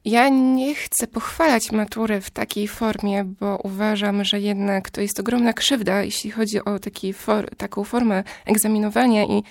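A woman in her twenties talking through her view in a casual discussion, measured and explanatory, building long argued sentences. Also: mid-range voice, steady tone, creaky, dry recording.

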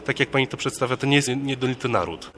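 A man's voice: mid-range voice, fast, a bit bright, slight background noise. A man hosting an interview, introducing his guest and asking formal, polite questions. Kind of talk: radio interview.

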